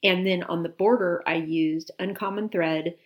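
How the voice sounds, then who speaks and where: A woman co-hosting a knitting podcast chats casually, enthusiastically and in detail, sniffling a little. Her voice is on the low side, with a steady tone and moderate pace.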